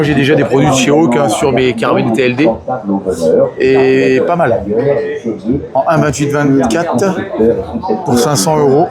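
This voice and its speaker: A man vlogging at a trade fair, enthusiastic and quick to laugh. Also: mid-range voice. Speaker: vlogger visiting a hunting fair. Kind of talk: casual vlog chat. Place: busy hunting trade fair. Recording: loud crowd noise behind. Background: crowd chatter.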